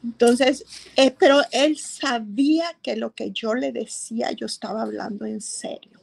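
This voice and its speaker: A middle-aged woman giving an emotional personal testimony, telling her story slowly with hesitations. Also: a little high, steady tone, creaky, a little mellow. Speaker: interviewee.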